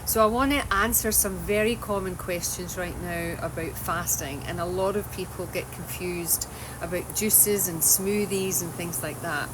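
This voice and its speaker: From her home in Australia, a Scotland-born wellness coach with a Scottish accent talks loosely on a livestream and keeps restarting sentences. Her lowish voice has fairly even intonation and a moderate pace, with noise behind her.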